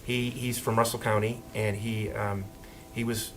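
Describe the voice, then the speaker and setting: A man speaking informally and haltingly as a town official at a council meeting, rambling a little. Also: on the low side, flat delivery. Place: indoor council meeting room. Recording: noisy meeting room microphone.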